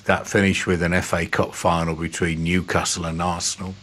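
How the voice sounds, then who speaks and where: A man's voice: deep voice, little pitch movement, a little fast, fairly bright tone. A man hosting a radio interview in a conversational way, often restarting his questions. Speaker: radio host.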